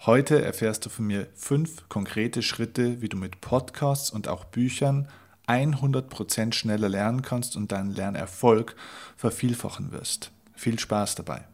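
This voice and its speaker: Emphatic German podcast coach. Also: male voice, mid-range voice, measured pace, darkish tone, a little hiss or hum. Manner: emphatic, repeats key points. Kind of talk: motivational podcast monologue.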